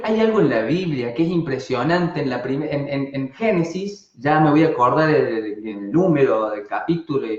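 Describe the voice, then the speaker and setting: A man with an Argentine Spanish accent teaching an online class, animated and constantly asking rhetorical questions and then answering them. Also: on the high side. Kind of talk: live online class talk. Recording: dull, roomy sound.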